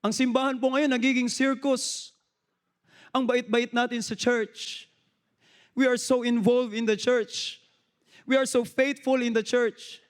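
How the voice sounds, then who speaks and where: A man's voice: very high voice, level tone, unhurried, pauses often, clean tone. A man preaching a sermon in a storytelling way, respectful and mixing in English phrases. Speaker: lay preacher.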